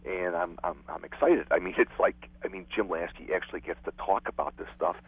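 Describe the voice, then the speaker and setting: A man's voice: deep voice, steady tone, brisk, breathy edge, no room sound. A man from Chicago, a former city clerk, chatting frankly with a laugh as a guest over the telephone. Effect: heard over a telephone line. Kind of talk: phone interview. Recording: tinny dry phone line.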